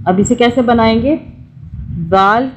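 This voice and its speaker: A woman teaching Quran recitation in an online lesson, patiently spelling out syllables for her student to repeat, with slow, measured recitation. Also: fairly high pitch, lo-fi sound, a little hiss or hum. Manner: slow measured recitation, then reads a translation.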